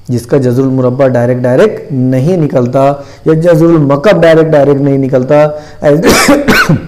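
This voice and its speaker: A man teaching a maths lesson step by step, putting questions to his students and answering them himself, and repeating terms and numbers slowly. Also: mid-range voice, darkish tone. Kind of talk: classroom-style video lesson.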